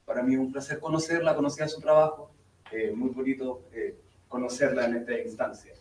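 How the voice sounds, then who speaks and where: A man's voice: mid-range voice, fairly even intonation, a little fast, darkish tone. A man with a Chilean accent, a teacher, asking a polite question to a lecturer with hesitant fillers. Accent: Chilean Spanish. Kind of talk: audience question. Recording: echoey room, speaker far from mic, faint noise.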